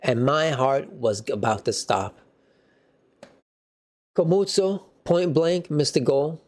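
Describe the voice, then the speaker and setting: A man hosting a casual football match reaction, animated and slangy, with excitable outbursts. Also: a little high, slow. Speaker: football fan channel host.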